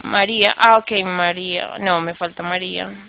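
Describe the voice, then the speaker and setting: A woman's voice: fairly low pitch, fairly even intonation, moderate pace, creaky, lo-fi sound, slight background noise. A woman with a Colombian accent teaching English grammar online, explaining step by step and checking in often with her students. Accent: Colombian Spanish.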